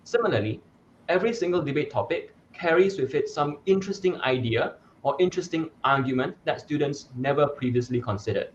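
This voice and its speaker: A man's voice: fairly high pitch, expressive, fairly quick, dull audio, a little hiss or hum. A young man from Malaysia, a debate coach, answering interview questions in an articulate, explanatory way with some fillers and restarts. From Malaysia (Sarawak).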